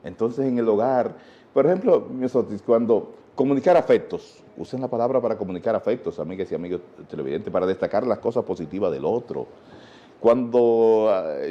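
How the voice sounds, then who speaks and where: A man's voice: on the low side, mellow, muffled recording. A Dominican man, a speaking teacher, explaining in a TV interview with a didactic manner and many rhetorical questions.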